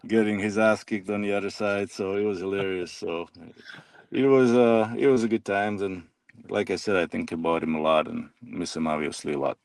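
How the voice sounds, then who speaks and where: Guy, low voice, talks slow and halting with lots of pauses, clean smooth tone. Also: fairly even intonation, no echo. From Slovakia. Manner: halting, soft-spoken, many pauses. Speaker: guest, former hockey player. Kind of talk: reminiscing interview.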